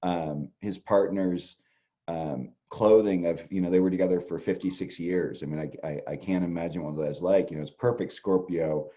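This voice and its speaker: A man's voice: low-pitched, steady tone, normal speed, warm tone, highs cut off. A middle-aged man, an astrologer, talking casually and rambling with many fillers. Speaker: astrologer co-host. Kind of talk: casual conversation.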